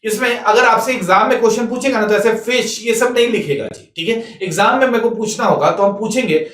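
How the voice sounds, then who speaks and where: A man's voice: high-pitched, fairly bright tone. A man teaching a science lesson for exams, repeating a check-in phrase and answering his own questions. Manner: mixes English terms into Hindi, spells words out slowly. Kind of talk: exam-prep science lecture. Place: classroom or small studio, writing on a board. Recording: echoey room, mic some distance off.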